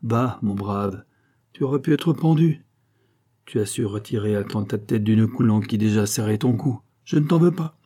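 A man's voice: mid-range voice, moderate pace, slightly rough, natural voice. A man doing the jovial sea captain Corcoran. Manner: cheerful, teasing, lively. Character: bold jovial male Breton sea captain.

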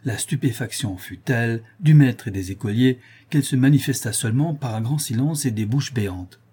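A man reading a novel aloud as an audiobook narrator, in calm, even storytelling. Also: mid-range voice, normal speed, breathy edge. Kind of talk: scripted literary narration.

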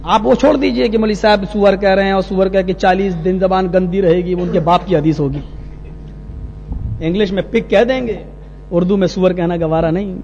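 Brief: high-pitched man preaching, lively storytelling, hall reverb with a faint hum. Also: gravelly, lo-fi sound. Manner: animated anecdote-telling, acting out characters. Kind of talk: sermon storytelling.

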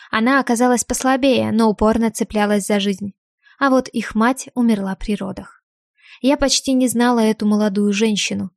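A woman reading first-person audiobook narration at a measured, even pace. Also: on the high side, no room sound, clean studio sound.

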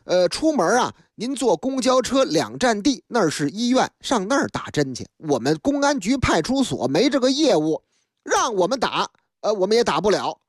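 Brief: plodding desk cop, voiced by a woman storyteller, lowered, steady delivery. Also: normal speed, dry recording, clean studio sound. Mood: patient. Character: patient, plodding male desk police officer.

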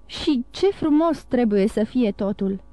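A woman's voice: fairly high pitch, animated, mellow, dry recording, close to an everyday voice. A woman reading the part of a greedy, envious older man in an audiobook, eager and wheedling.

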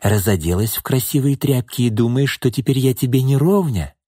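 A man's voice: lively intonation, a little fast, mellow, breathy edge, dry recording, studio quality. A sneering, menacing pimp, read by a man. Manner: sneering, mocking, low menacing threats. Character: menacing smug middle-aged pimp and thug.

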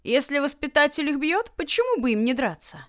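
A shrill, hysterical older woman, shrieking her indignation in high, piercing bursts, as a female audiobook narrator puts her on. Her voice jumps well above the reader's usual pitch. The delivery is squealing and scandalized. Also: big pitch swings, brisk. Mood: indignant. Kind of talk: audiobook character voice.

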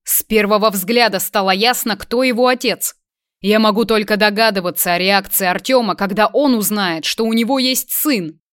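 A woman reader voicing a brash, loud grown man who mocks and threatens in an audiobook. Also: medium pitch, moderate pace, dry recording, clean studio sound, lightly acted. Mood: mocking. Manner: loud, mocking, menacing. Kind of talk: audiobook character voice.

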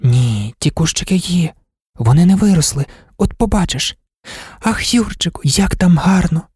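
A man's voice: high voice, expressive, measured pace, darkish tone, breathy edge, dry recording, clean studio sound, pitched above the performer's own voice, exaggerated voice. A man reading an audiobook, voicing a dreamy, impulsive young woman in love with an eager, tender manner.

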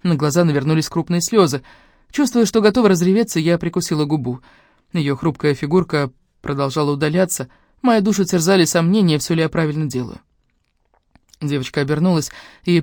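A woman narrating a romance novel in the first person, with an expressive, emotional reading. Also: sits low, fairly quick, dry recording, studio quality. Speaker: audiobook reader.

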